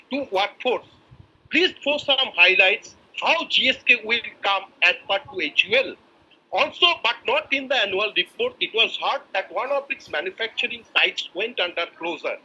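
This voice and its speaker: A man's voice: sits high, bright, forceful tone, slightly rough, rough recording. A man from India, a shareholder, giving a formal and effusive prepared address over a video call, with hesitant fillers and restarts. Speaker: shareholder speaking at a company meeting.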